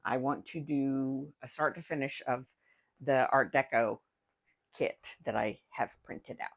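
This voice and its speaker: An older woman with a rumbling low, gravelly, husky voice hosts a craft channel, speaking unhurriedly. She chats casually and rambles to herself while she works, in a low-quality recording with no echo.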